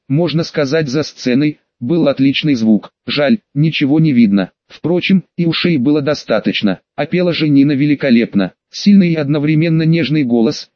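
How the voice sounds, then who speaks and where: A man narrating an audiobook with lively first-person storytelling. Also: a little high, dry recording. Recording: dry, slightly dull audiobook recording.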